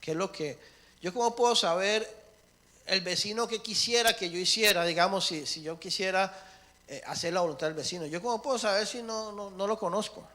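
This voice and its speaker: A man preaching a sermon with emphatic swings between loud and soft, acting out prayers and little dialogues. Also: high-pitched, fairly quick.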